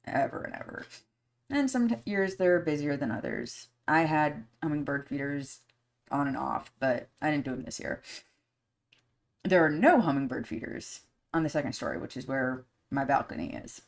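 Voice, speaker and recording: Low-voiced, blunt, swearing woman podcaster. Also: expressive, normal speed, gravelly. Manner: candid and blunt, swears freely; rambling, with many fillers. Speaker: podcast host. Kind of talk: casual live-stream podcast chat.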